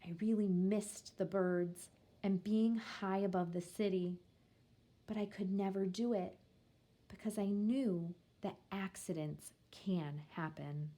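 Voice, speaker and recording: A woman with a medium-pitched voice reads a children's picture book aloud in the first person. Her storytelling is measured and expressive.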